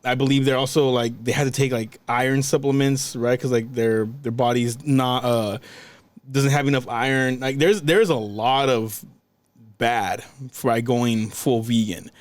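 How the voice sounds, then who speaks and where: A young man co-hosting a podcast chats casually, rambling and restarting his sentences often. His voice sits at a middle pitch and is recorded close with a dry, roomless sound. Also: steady tone, no echo. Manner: rambling, halting restarts, many fillers. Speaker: podcast co-host. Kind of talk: casual chat.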